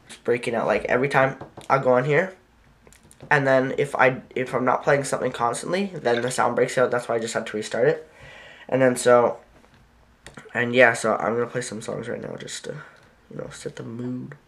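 A man's voice: mid-range voice, fairly even intonation, normal speed, gravelly, a bit bright. A man who is sick, chatting casually in a vlog as he edits videos, rambling with lots of fillers and correcting himself. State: sick, with a sickly voice. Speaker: vlogger. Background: faint music playing.

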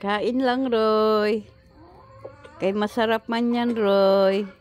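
A woman with a Filipino accent chatting slowly and warmly to her pet chickens outdoors, coaxing them and laughing, recorded on a handheld phone. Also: mid-range voice, fairly even intonation. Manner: slow, chatty, laughing, coaxing baby talk. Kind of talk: casual chat to pets and camera. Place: outdoors on a patio lawn. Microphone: handheld phone pointed down.

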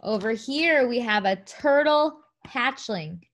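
A woman with a fairly high voice reads aloud to a very young child. She goes very slowly, placing each simple phrase with care. She repeats words and poses easy questions, as a teacher would with a toddler. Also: lively intonation, a bit bright, highs cut off. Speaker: teacher reading a picture book aloud. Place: living room sofa, indoors.

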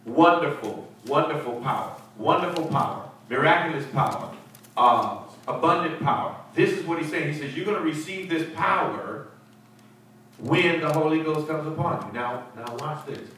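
A middle-aged pastor leads a seated group through a Bible study in a church fellowship hall, preaching emphatically, repeating words, and asking for responses. His voice is a little high and a bit bright, at a moderate pace. The handheld mic is picked up by a far camera, so the hall sounds echoey and distant with faint hiss.

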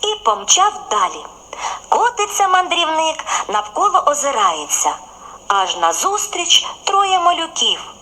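Expressive woman reading a children's tale. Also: extremely high pitch, unhurried, low-quality recording. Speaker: storyteller. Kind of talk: children's story narration.

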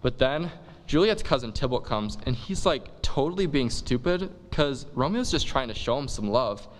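A man's voice: mid-range voice, expressive, normal speed, long reverb tail. A man giving a comic monologue in laid-back slangy dude talk, full of "like". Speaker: comic performer. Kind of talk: comic monologue retelling a play.

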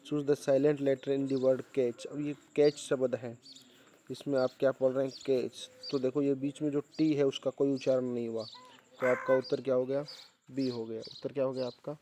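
A man's voice: mid-range voice, little pitch movement, a little fast, dark tone, slight background noise. A male teacher going through an exam paper, repeating questions back to his students and spelling words out letter by letter. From India.

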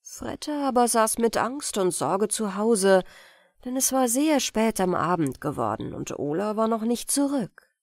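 A woman narrating a bedtime fairy tale audiobook in a calm, measured storytelling voice. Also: on the high side, dry recording, studio quality.

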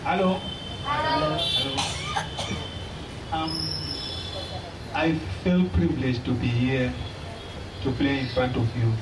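A young Zimbabwean-accented drummer gives a live lecture-demonstration in a small indoor stage hall, teaching plainly and warmly in a halting, unhurried way with many pauses. His mid-range voice is expressive. A stand mic was used, but the audio comes from a distant camera, so the voice sounds far off, echoey and noisy.

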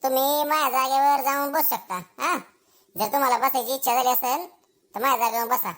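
A woman's voice: high voice, fairly even intonation, brisk, fairly bright tone, slight background noise. A woman voicing a blustering schoolboy who gets to be teacher for a day, in a village comedy skit, full of cheeky asides to himself. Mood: smug. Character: brash boastful schoolboy made teacher for a day, male.

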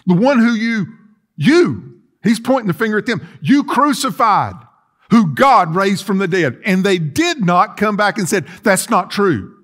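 A middle-aged male pastor gives a sermon in a spacious indoor sanctuary with rows of chairs, pacing and gesturing as he talks. His voice sits high with big pitch swings and a fairly bright tone, moving a little slowly, with earnest restarts.

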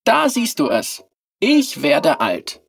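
A narrator playing Fiyerem, a shy and charming porcelain clockwork boy who speaks slowly and softly in a storybook reading. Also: medium pitch, wildly swooping pitch, gravelly, dry recording, studio quality, far from the mic, pitched above the performer's own voice, exaggerated voice.

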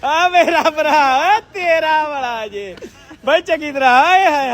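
An Indian Punjabi man with a very high, bright voice. He banters casually like a vlogger, teasing and repeating himself insistently. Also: lively intonation, measured pace.

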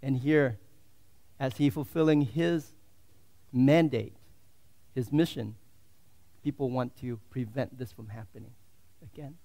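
A man preaching a sermon as a pastor in a church, swinging from loud, fervent declarations to hushed, quiet asides. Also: medium pitch, measured pace, long pauses.

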